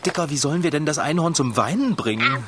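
An actor playing an earnest, excitable, soft-hearted bicycle mechanic in a children's radio play. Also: mid-range voice, fast, noisy background, natural voice. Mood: worried.

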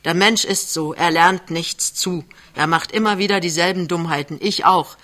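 A man voicing a blunt, brooding older man in a storybook reading. His voice is gruff and fairly high, with a bright, forceful edge. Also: moderate pace.

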